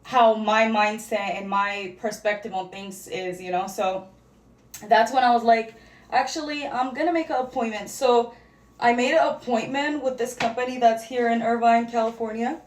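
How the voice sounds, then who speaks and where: A young woman whose first language is Arabic chats casually while getting ready in a get-ready-with-me vlog. Her voice is fairly high and fairly even at a normal speed, and she rambles and searches for words. The room is echoey.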